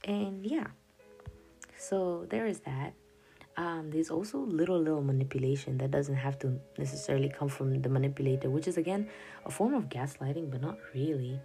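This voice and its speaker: With faint music in the background, a young podcast host whose native tongue is Swahili talks through her journal entries at normal speed. Her low, dark voice has vocal fry, and she meanders, cuts herself off, laughs a lot and throws in "yada yada."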